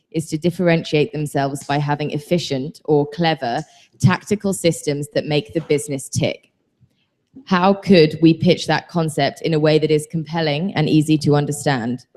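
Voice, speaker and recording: A woman reading out a submitted question at a live event, brisk and clear. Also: low-pitched, a little mellow.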